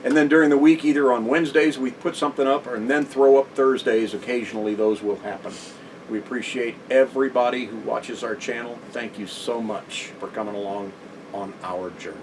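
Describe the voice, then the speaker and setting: A man co-hosting a casual RV vlog, chatting at length in a relaxed way from inside an RV. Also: mid-range voice, brisk. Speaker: RV vlog co-host. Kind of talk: casual chat. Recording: distant mic with steady background noise.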